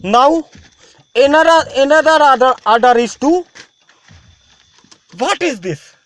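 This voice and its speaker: A man with an Indian English accent talks in a strikingly high voice. He rambles and repeats himself in a halting, ranting home video monologue. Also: lively intonation, fairly bright tone, no room sound. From Tamil Nadu, India. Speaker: self-styled swami.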